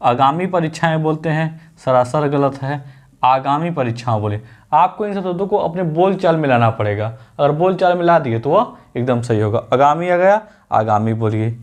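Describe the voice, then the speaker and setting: A man leads an exam-prep spelling lesson in an instructive teacher's voice. He repeats each word over and over and quizzes his students with quick questions. He also works in everyday example sentences. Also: on the high side, animated.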